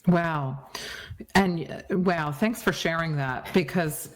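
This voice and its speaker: A woman's voice: sits low, slow pace. Affirming woman hosting an interview. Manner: warmly affirming, effusive praise. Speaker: podcast host.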